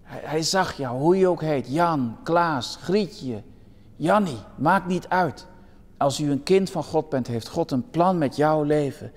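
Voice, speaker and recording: A man's voice: a little high, slow. A man preaching a sermon from the Netherlands in an earnest, pastoral way, sometimes restarting his words. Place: church hall. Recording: long church reverb.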